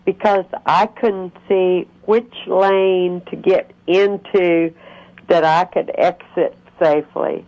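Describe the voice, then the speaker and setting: Slow-talking woman caller on a phone line. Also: lowish voice, steady tone, darkish tone. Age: 50s. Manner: insistent, keeps talking over interruptions. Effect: caller heard over a phone line. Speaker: radio show caller. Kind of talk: earnest personal storytelling. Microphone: telephone.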